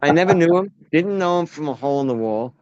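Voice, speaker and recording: A fast-talking American actor and playwright from the United States rambles through stories in casual conversation, interrupting himself to begin sentences again. His voice is a little high, expressive and slightly mellow with a clean tone. The recording is dry, with the highs cut off.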